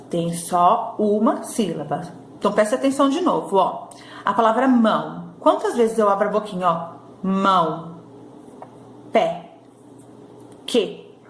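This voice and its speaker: Lively woman teaching young kids. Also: mid-range voice, a little hiss or hum. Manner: slow syllable-by-syllable drilling, frequent "tá bom?" checks. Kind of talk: recorded remote class for young children. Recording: echoey room with faint ambience.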